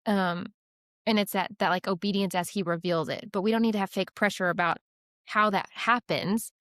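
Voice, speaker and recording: A woman's voice: mid-range voice, fairly even intonation, a bit bright, no room sound, clean studio sound. A young adult woman talking earnestly about faith in a casual podcast chat, full of "like" and "right?". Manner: earnest, many "like" and "right?" fillers, quick asides.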